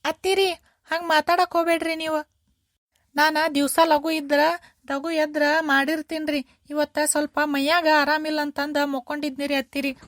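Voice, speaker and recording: Lady voicing a young cartoon daughter-in-law, high voice, north karnataka accent, polite and pleading. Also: level tone, moderate pace, a bit bright, no echo, clean studio sound. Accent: North Karnataka Kannada. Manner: polite, pleading, respectful address.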